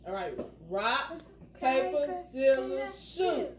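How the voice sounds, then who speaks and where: A woman's voice: high voice, expressive, takes it slowly, far from the mic, slight background noise. A woman co-hosting a family vlog, cheerfully calling out rounds of a game. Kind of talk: casual family game chat. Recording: echoey room with music playing.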